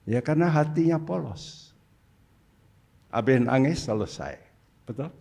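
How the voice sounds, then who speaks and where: Older man, pastor, church sermon, slow deliberate delivery, mid pitch, faint music underneath. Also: lively intonation, vocal fry, a little mellow. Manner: preaching with rhetorical questions to the congregation. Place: church service.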